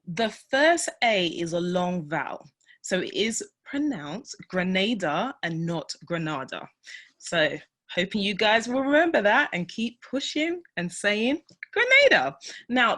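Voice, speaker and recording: A woman's voice: on the high side, a bit bright. A woman from the UK, a tourism trade manager, presenting in a conversational manner with asides and fillers. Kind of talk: guest presentation.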